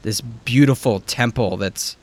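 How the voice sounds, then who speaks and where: A man with a medium-pitched voice runs a tabletop fantasy game as its game master. He moves between vivid scene narration and casual, sweary chat, with clear noise behind him. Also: a little slow.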